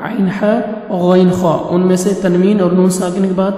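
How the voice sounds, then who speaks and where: A man from Pakistan teaching Quran reading word by word, spelling letters slowly and chanting the verses in drawn-out melodic recitation. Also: sits high, level tone, warm tone. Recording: very echoey with long reverb, faint music.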